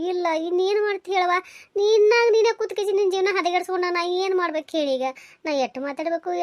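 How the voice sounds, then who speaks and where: Dry close mic. A woman doing a fussing, caring village mother, voiced high and fast. She coaxes and nags over and over, as in a homemade cartoon. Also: dry recording. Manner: coaxing, nagging, talks over and over. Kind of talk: cartoon voice acting.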